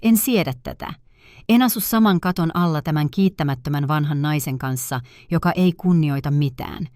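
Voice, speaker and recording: A contemptuous daughter-in-law scolds in a low, plain voice, as a woman narrator reads her lines. The sound is dry and close, in a storybook telling with little change from the narrator's own voice. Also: a little mellow, dry recording, lightly acted. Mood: scornful. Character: scornful, bullying young daughter-in-law.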